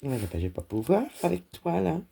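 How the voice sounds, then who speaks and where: A woman's voice: low-pitched, sing-song, fairly quick, vocal fry, mellow, breathy edge. A woman cross-stitch vlogger chatting casually while she stitches and talks fondly to her dog.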